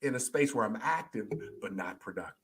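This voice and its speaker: A man in his fifties, a life coach hosting a conversation, talking in a playful, animated way with sudden high excited bursts and mimicry. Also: brisk. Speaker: life coach and show host.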